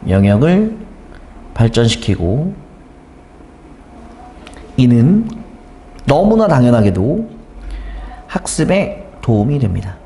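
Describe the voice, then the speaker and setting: A man's voice: medium pitch, big pitch swings, slow pace, pauses often, warm tone, roomy sound, slight background noise. A man teaching an English exam lesson, asking the students questions and then answering them himself. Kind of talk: exam explanation lecture.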